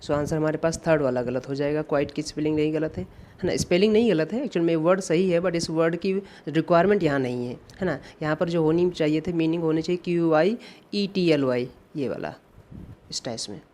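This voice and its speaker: A man's voice: a little high, a little fast, a little mellow. A male English teacher walks through exam questions in a mix of Hindi and English. He stops often to repeat and spell out key words. A faint hiss sits under his voice. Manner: explains in Hindi mixed with English, repeats points. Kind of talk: exam-prep grammar lesson. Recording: faint background noise.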